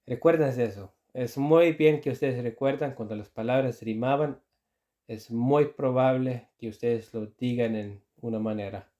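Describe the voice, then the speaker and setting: A man's voice: mid-range voice, a little slow, dark tone, highs cut off. A man whose first language is Icelandic, teaching Icelandic pronunciation in Spanish, repeating example words and restarting his sentences often. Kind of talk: explaining pronunciation to learners.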